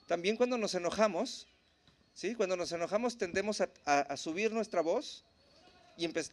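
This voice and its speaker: A man teaching at a church in a relaxed, conversational way, often checking in with the congregation. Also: sits high. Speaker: preacher.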